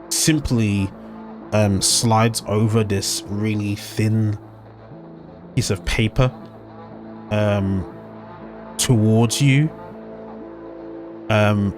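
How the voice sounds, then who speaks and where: Hesitant, swearing male game master. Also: lowish voice. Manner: hesitant, many ums and self-corrections, casual swearing. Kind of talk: narrating a tabletop game.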